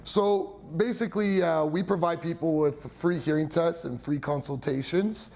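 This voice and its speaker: A man's voice: fairly high pitch, moderate pace, gravelly, darkish tone. A young man who works as a hearing care professional, explaining his clinic in a chatty way with many fillers and little laughs. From Italian heritage. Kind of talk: interview answers, explanatory.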